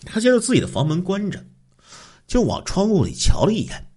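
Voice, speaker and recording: A man's voice: high-pitched, wildly swooping pitch, dark tone, breathy edge. A man narrating a story in a dramatic oral storytelling style, drawing out phrases. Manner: dramatic, drawn-out phrasing with filler particles.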